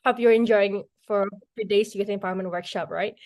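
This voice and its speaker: A woman's voice: mid-range voice, steady tone, fairly quick, darkish tone, no echo, studio quality. A young woman moderating a live online workshop over a video call, upbeat and chatty with many casual fillers. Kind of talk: live online event hosting.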